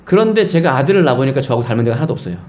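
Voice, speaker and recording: A man's voice: mid-range voice, sing-song, rapid-fire, a little mellow. Middle-aged guy preaching, talks right to the congregation, voice swings up and down a lot. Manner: storytelling preacher, addresses congregation directly. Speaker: pastor. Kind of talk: sermon.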